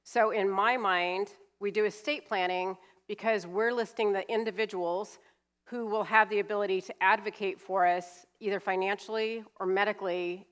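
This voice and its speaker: Her voice sits in the mid-range with a slightly bright quality. She is an estate planning attorney from California, in her fifties, giving a seminar as a guest speaker in a church hall, talking plainly with a few fillers while sniffly from a cold, using a handheld mic.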